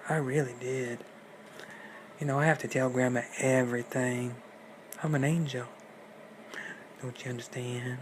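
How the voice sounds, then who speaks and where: A man's voice: medium pitch, close to an everyday voice. A man voicing a sly, scheming male big bad wolf who taunts and menaces in slangy talk, on a noisy recording.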